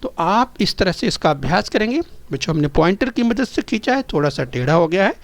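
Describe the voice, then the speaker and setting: A male primary school teacher with a somewhat high voice, coaxing young pupils through a recorded lesson. He speaks patiently, spells out each phrase slowly, and keeps urging the children to listen and repeat. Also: very animated, no room sound. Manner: addresses the children constantly, coaxing and encouraging.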